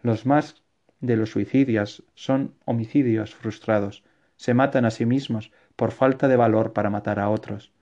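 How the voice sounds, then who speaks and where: Man reading an anxious young guy arguing with his author, insistent, deep mellow tone, muffled recording. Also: fairly even intonation, unhurried, lightly acted. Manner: earnest, insistent reasoning. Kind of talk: audiobook reading. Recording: dull lo-fi recording.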